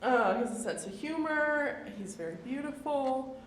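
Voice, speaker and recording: A higher-pitched woman with a flat Midwestern accent, talking casually to an audience. She is chatty and self-deprecating and fills her talk with ums and likes. The room is echoey, with a faint hum of noise behind her. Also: normal speed. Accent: Midwestern American. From Indiana. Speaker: visiting artist giving a talk. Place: indoor event room.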